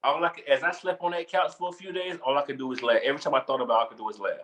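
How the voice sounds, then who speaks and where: Animated man telling a story. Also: mid-range voice, rapid-fire, rough recording. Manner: animated, repeats phrases, laughs while telling. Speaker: podcast co-host. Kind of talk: casual storytelling chat.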